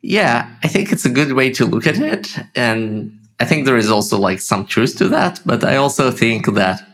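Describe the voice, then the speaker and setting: An Israeli startup founder speaks casually as an interview guest, his English carrying a slight Russian tinge. His medium-pitched voice is sing-song and fairly bright, and his speech is halting, full of fillers and restarts.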